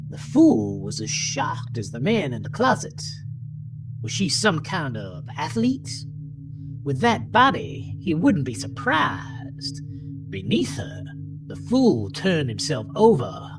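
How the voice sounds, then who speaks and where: Over a clear music bed, a woman with a very deep voice narrates dramatic horror at an unhurried pace. She performs it theatrically, swooping from hushed lows up to higher peaks, and the recording quality is poor.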